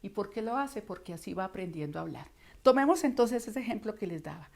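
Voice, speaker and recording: A middle-aged Colombian woman giving an expressive talk as a voice coach, acting out voices in her stories. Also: medium pitch, brisk, vocal fry. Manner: expressive, acts out voices in anecdotes. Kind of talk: instructional talk.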